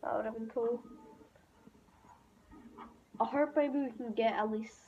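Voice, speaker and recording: A woman's voice: on the high side, unhurried. A woman hosting a casual mobile game pack-opening video, chatting in a rambling way to her viewers. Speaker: mobile game channel host. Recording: tinny phone-like audio with faint hiss.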